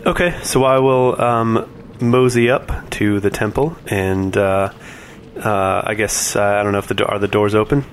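A man chatting casually as a tabletop game player, working out his moves in a halting way. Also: lowish voice, steady tone, a little hiss or hum. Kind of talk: casual improvised game chat.

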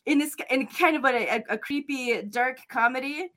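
Bright-voiced woman hosting a casual chat. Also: sits high, moderate pace. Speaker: host.

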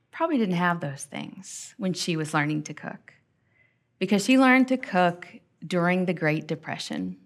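A middle-aged woman hosting a devotional podcast, telling a personal family story in an earnest, intimate way that often drops to quiet tones. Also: mid-range voice. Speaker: podcast host and Bible teacher.

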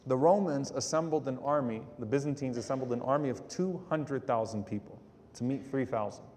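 Guy giving a religious talk, rattles along fast, quotes arabic then explains, hall echo. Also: medium pitch, a little mellow, a little hiss or hum. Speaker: Islamic lecturer. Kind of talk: sermon storytelling.

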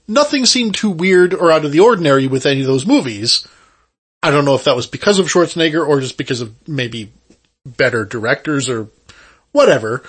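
A man's voice: a little high, animated, fairly quick, fairly bright tone, breathy edge. A man co-hosting a podcast in casual chat, talking in a rambling, conversational way. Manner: rambling, conversational, often saying "like". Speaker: podcast co-host.

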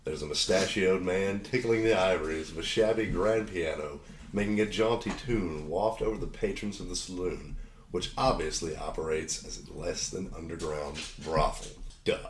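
A man's voice: deep voice, normal speed. A man narrating a tabletop game as game master, a wry storyteller who tosses in jokey asides. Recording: echoey room with faint noise.

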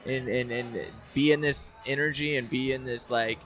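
A bright, rambling man at a live podcast. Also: medium pitch, fairly even intonation, normal speed, soft background music. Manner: rambling, earnest, lots of fillers and restarts. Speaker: guest. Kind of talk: casual chat. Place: live event venue.

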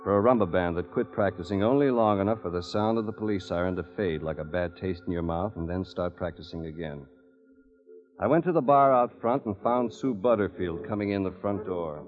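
A man's voice: low-pitched, fairly quick, natural voice. An actor playing a tough male private detective who narrates in a clipped, terse, hard-boiled manner, in 1940s radio acting style. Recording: dull old radio recording with music.

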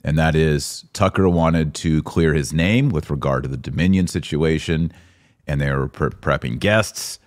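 A low-voiced American man hosts a podcast, commenting on the news for his listeners. He speaks in an unhurried, informal, conversational way and states his opinions plainly.

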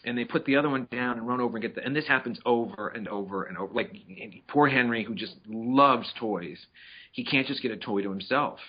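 A man's voice: medium pitch, brisk, slightly rough. A middle-aged man chats casually on a podcast, playful and talkative. He slips into little voices to act out his pets. The sound is slightly dull and lo-fi. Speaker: podcast co-host. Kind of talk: casual chat.

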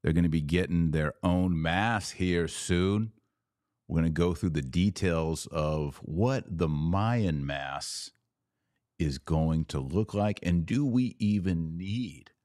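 A low-pitched, slightly mellow male voice speaks slowly in a clean studio recording with no echo. The Texan host of a solo podcast, he delivers opinionated commentary sardonically and emphatically, shifting pace often.

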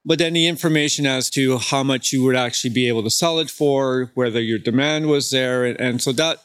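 A man guest explaining his product in a measured, practical way. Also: medium pitch, a bit bright, clean tone. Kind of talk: casual interview talk.

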